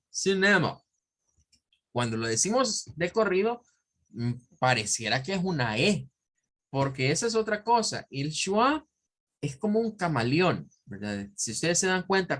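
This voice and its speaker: Speaking Spanish with a Central American accent, a man gives an online lesson on English pronunciation, explaining carefully and drilling example words by repetition. His voice is on the high side and fairly bright. He checks an online dictionary as he goes.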